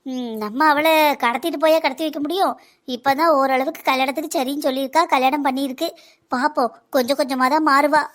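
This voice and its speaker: A woman plays a patient wife in a cartoon who speaks in a high, slow, even way with a southern Tamil accent. She calmly talks her husband round. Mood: reassuring. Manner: slow, calm, persuasive. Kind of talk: cartoon dialogue.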